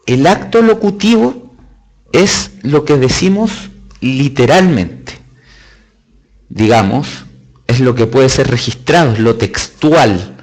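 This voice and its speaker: A man's voice: mid-range voice, lively intonation, slow pace, long pauses, darkish tone. Chilean man teaching an online class. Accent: Chilean Spanish. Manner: explanatory, emphatic, with chatty asides. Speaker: test-prep teacher. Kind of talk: live online lecture.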